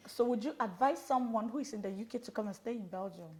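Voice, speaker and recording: A woman's voice: on the high side, fast, darkish tone. A woman with a Ghanaian, West African accent hosting an informal interview, asking questions and slipping between languages. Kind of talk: informal chat interview, mixing in local language.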